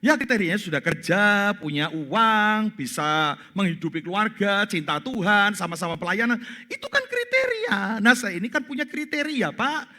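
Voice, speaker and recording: A male pastor preaching a sermon in church, telling a story with lively acted-out voices and laughter. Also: high voice, normal speed, few pauses. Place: church sanctuary.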